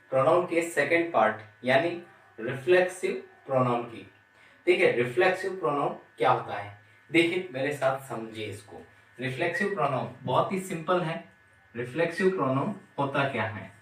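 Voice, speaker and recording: A man teaching a grammar lesson, speaking slowly and repeating key terms as he asks the class questions. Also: fairly high pitch, expressive, fairly bright tone. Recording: roomy, from some distance.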